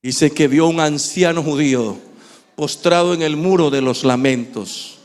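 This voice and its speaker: A man with an Ecuadorian Spanish accent preaching a sermon in a church, swinging from shouting to hushed tones. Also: fairly high pitch, measured pace. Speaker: pastor.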